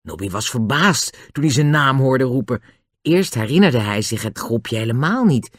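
A narrator reading a children's storybook aloud. The delivery is expressive, with a pitch that rises and falls a great deal. The recording is dry and close. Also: moderate pace, no room sound. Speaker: audiobook narrator.

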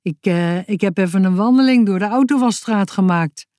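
A woman's voice: mid-range voice, moderate pace, mellow, dry recording, studio quality, natural voice. A woman voicing a big, strong, joking man in a read-aloud storybook. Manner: joking, easygoing.

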